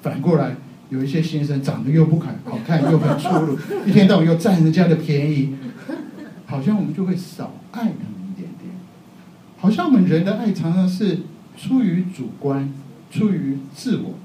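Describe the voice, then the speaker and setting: A man's voice: fairly high pitch, animated, moderate pace, dark tone, recorded from a distance. A middle-aged man from Taiwan, preaching a sermon in a chatty, self-mocking way and laughing often. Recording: echoey hall, faint background noise.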